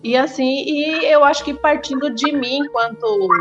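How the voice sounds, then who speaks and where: A woman's voice: high-pitched, normal speed, highs cut off, soft background music. A woman from the Brazil–Paraguay border, a schoolteacher speaking as a guest from her school over a remote call, thoughtful and hesitant, with many fillers. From Brazil–Paraguay border, Mato Grosso do Sul. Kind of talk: casual interview answers.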